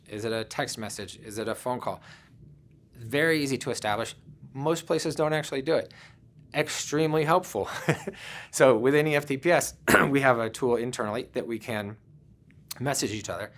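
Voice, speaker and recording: A man's voice: mid-range voice, slight background noise. Conversational man giving a talk. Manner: conversational, personal anecdotes, frequent "um" and "you know". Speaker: conference speaker. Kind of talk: virtual presentation talk.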